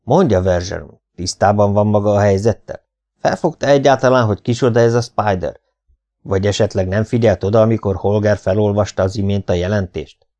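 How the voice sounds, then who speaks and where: A man's voice: lowish voice, dark tone, natural voice. A man reading an audiobook, voicing a stern male police chief who barks orders at his men. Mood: exasperated. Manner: barking orders, stammering when shocked.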